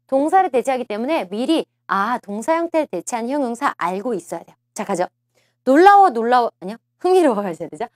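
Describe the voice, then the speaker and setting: A TOEIC listening instructor, a woman with a fairly high voice that rises and falls expressively, coaches her students for the exam at a fast clip with few pauses. She coaxes the class along, repeats every key phrase, and keeps firing off questions. The audio is dry, close-miked, and echo-free.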